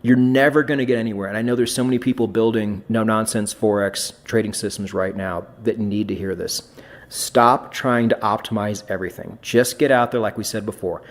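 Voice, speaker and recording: A fairly low-pitched man talking as a podcast host. He speaks bluntly and casually, swears freely and often restarts his phrases. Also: fairly even intonation, fairly quick.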